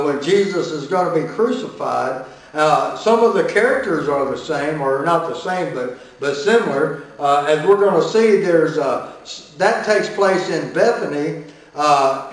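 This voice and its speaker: A man's voice: high-pitched, distant mic. A man pastor teaching a Sunday school Bible lesson in a folksy way, with many fillers and restarts. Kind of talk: Bible lesson with scripture reading. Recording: very echoey room, voice from off-mic.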